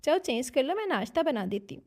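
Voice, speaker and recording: Narrator lady doing a calm worried mom, even and firm. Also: high voice. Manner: measured, soft-spoken. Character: calm worried middle-aged mother.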